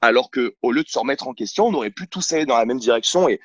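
A blunt, outspoken man speaks as a coach in a casual interview, often stumbling and restarting mid-sentence. His voice sits at a middle pitch. The sound is dry and a little dull, as if recorded on a camera at home. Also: animated, fast, no room sound. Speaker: CrossFit coach, podcast guest. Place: at home on a couch, filming himself. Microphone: camera mic.

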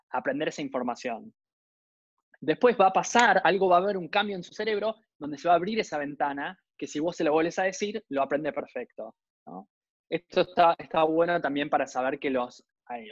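A man's voice: fairly high pitch, no room sound, highs cut off. A man with an Argentine accent giving an informal university lecture, talking conversationally and often checking in with his students. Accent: Rioplatense Argentine Spanish.

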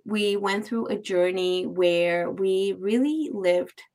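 A woman's voice: medium pitch, takes it slowly, a little mellow, rough recording. A woman in her thirties co-hosting a podcast, chatting casually and laughing often. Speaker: podcast co-host. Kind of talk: casual chat.

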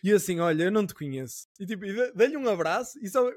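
A man's voice: sits high, lively intonation, quick pace, darkish tone, dry recording, studio quality. A young man with a European Portuguese accent, telling stories in a casual podcast chat, slangy and swearing freely. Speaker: podcast co-host.

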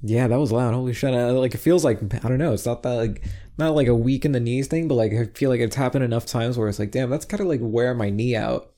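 A young podcast co-host chats casually over a headset mic in a fast but mellow mid-range voice. He rambles, fills his speech with fillers, and swears freely.

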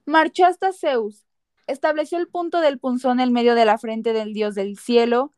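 A woman's voice: on the high side, steady tone, normal speed, darkish tone, smooth, dry recording, clean studio sound. A woman narrating a scripted story dramatically as a podcast narrator.

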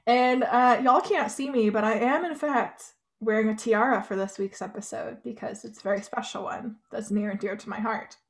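A young woman co-hosts a podcast in easy, casual chat. Her voice sits a little high, and she talks loosely, laughs often and swears in passing. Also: moderate pace. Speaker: podcast co-host.

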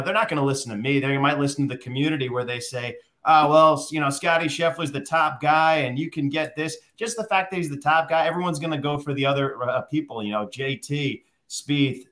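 A man's voice: medium pitch, fairly bright tone. A man co-hosting a golf betting podcast, rambling casually and tossing out punning nicknames. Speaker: podcast co-host. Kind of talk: casual sports betting chat.

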